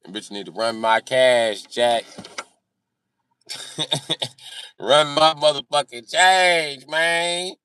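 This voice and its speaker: A man's slightly high voice, pushed and bright, comes through slowly with long pauses as he hosts a livestream. He reads and responds to comments in brash, jokey, slangy chat peppered with swearing. The tone is clean.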